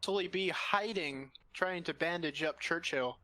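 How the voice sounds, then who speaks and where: A man giving excitable, quick play-by-play as a commentator on a team shooter match. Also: fairly high pitch. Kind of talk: casual esports commentary.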